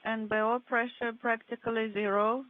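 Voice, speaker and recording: A woman's voice: a little high, level tone, moderate pace, soft background music. A woman interpreting radio calls in clipped, procedural phrasing, heard over a narrow comms line that keeps breaking up. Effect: narrow, noisy comms line breaking up. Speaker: interpreter on a space mission audio loop. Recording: tinny, hissy comms loop.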